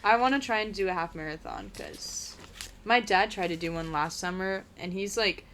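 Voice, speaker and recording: Young woman, mid-pitch, chatty storyteller voice for a crafting vlog, faint noise underneath. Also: moderate pace, a bit bright. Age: young adult. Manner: chatty storyteller, many "like"s and fillers. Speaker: vlog co-host. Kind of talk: casual chat while crafting. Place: indoors at a craft table.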